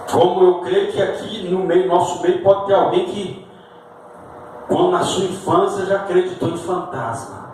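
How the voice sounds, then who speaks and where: A male pastor with a Brazilian Portuguese accent, preaching an impassioned sermon in a church. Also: sits high. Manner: impassioned preaching, rising to shouts. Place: church sanctuary. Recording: echoey church from far off with faint ambient noise.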